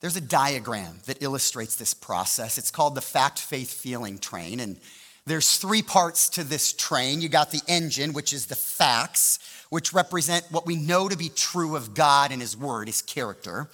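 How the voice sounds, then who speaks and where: A male pastor delivers a sermon, swinging his pitch widely as he tells stories and asks the audience rhetorical questions. His voice is bright and sits a bit high. It rings with the long reverb of a large church hall. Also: normal speed. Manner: animated storytelling with rhetorical questions.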